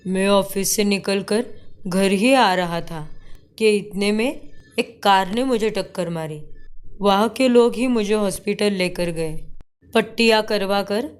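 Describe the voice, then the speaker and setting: A woman's voice: mid-range voice, measured pace, clean tone, lightly acted. A woman voicing an apologetic young brother-in-law in a cartoon story, pleading.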